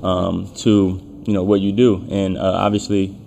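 Mellow, low, even-toned male interviewer. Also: unhurried, gravelly, a little hiss or hum. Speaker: podcast interviewer. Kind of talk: casual conversational questioning.

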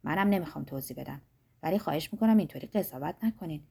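A woman reading the lines of an earnest young male student who answers softly and insistently. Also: sits low, animated, creaky, slightly rough, pitched below the performer's own voice, exaggerated voice. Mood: calm, placating.

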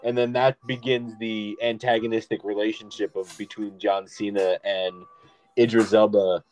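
A man's voice: on the low side, flat delivery, moderate pace, a little mellow, rough recording. A man co-hosting a casual podcast about a movie, rambling with lots of ums and restarts. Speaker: podcast co-host. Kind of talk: casual movie-discussion chat.

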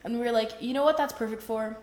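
A young American woman co-hosts a podcast with casual, emphatic talk. Her voice sits slightly high, and the room around her is noticeably echoey. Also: quick pace, darkish tone. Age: early 20s. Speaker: podcast co-host. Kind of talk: casual chat. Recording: roomy, echoing room sound.

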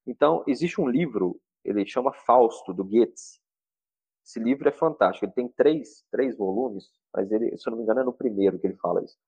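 A man's voice: medium pitch, fairly quick, dark tone, slightly rough, dry recording. A man talking as a therapist guest on a podcast, urging listeners in a fervent, preacher-like way. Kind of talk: earnest podcast talk.

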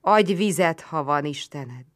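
A woman's voice: low voice, animated. A woman reading an audiobook, voicing a blind, wounded Roman soldier who pleads weakly and tearfully for water. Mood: pleading.

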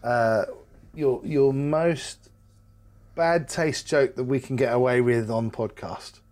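A man's voice: medium pitch, darkish tone. A man co-hosting a podcast, chatting casually in a jokey, teasing way and often cutting in. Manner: jokey, teasing, quick to interrupt. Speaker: podcast co-host. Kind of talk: casual chat.

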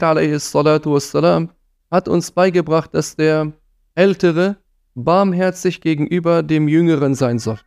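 A man's voice: fairly high pitch, a little mellow, dry recording, clean studio sound. A man giving an earnest religious talk on parenting, admonishing his listeners and sprinkling in Arabic phrases. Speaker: preacher.

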